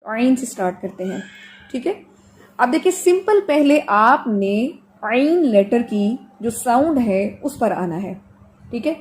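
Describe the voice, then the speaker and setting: A woman teaching the pronunciation of Quranic letters in an online class, explaining patiently with everyday examples and drawing out sounds slowly for students to copy. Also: on the high side, animated. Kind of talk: online tajweed lesson.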